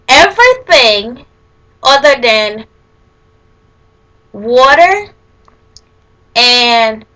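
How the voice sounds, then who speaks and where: Female vlogger, Liberian accent, bright forward tone, slow-paced informal delivery with halting restarts. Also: sits high, sing-song. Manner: informal, halting, with self-corrections mid-sentence. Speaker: vlogger answering accent tag questions. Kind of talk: casual chat, answering questions aloud.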